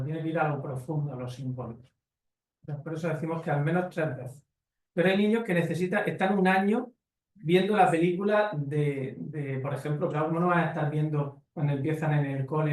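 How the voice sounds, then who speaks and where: A man's voice: fairly high pitch, fairly quick, a little mellow. A man speaking on a conference panel, making his points bluntly and with rhetorical questions to the audience. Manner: emphatic, lecturing with rhetorical tags. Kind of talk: conference talk answering questions. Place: conference hall. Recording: echoey hall from far off.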